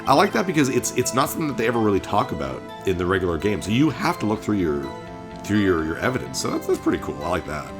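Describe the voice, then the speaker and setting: A man's voice: on the low side, big pitch swings, fast talker, music in the background. A man hosting a casual video game playthrough, chatting in a jokey, conversational way. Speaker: video game let's-play host.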